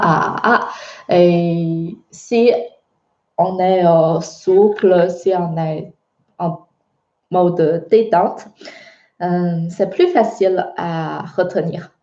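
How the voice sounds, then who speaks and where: A woman with a Chinese accent teaches a beginner language lesson in a fairly low, mellow voice. She is patient and checks in with her students often. The recording sounds muffled, with room echo.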